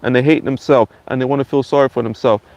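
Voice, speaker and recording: A man's voice: medium pitch, fairly even intonation, fast, creaky, a little mellow, no echo, highs cut off. A channel host giving a blunt, insulting ranting monologue and repeating his phrases.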